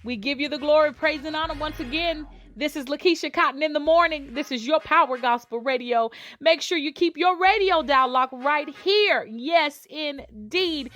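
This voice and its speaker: A woman's voice: high voice, normal speed, hardly any pauses, a bit bright. A woman gospel radio host leading a fervent live prayer, repeating lines in a preacher-like call and response.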